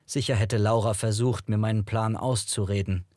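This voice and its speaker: A man narrates a first-person novel in a low, measured voice, telling the story at a steady pace. The recording is dry and close, with no room echo at all. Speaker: audiobook narrator.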